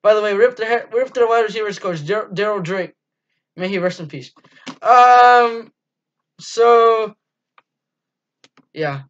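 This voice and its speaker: In a cramped, dimly lit room, a teenage boy hosts his fan channel's casual postgame review, speaking with enthusiasm but lots of ums and false starts. His high, slightly bright voice takes its time and pauses often. The sound is dull lo-fi webcam audio.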